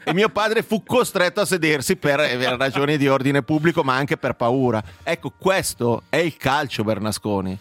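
A man's voice: medium pitch, moderate pace, hardly any pauses, dry recording, soft background music. A man, hosting a casual talk show and telling anecdotes with theatrical flair. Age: 50s. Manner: animated storyteller, theatrical retelling of anecdotes. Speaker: radio host. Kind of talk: casual studio chat.

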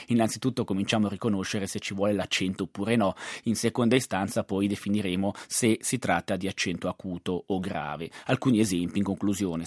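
Radio language expert, male, low voice, dry studio sound, quick teacher's delivery. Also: a little mellow, dry recording. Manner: didactic, lists examples, quick bursts. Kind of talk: explaining grammar on radio.

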